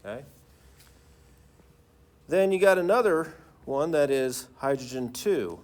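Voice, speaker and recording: A man's voice: fairly high pitch, expressive, slow. A man teaching a class in the manner of a professor lecturing, informal and often checking in with students through questions.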